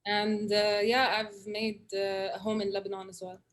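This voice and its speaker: A woman from Syria, a poet, talking over a video call and then reading spoken word poetry in an earnest, measured way with dramatic repetition. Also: medium pitch, flat delivery.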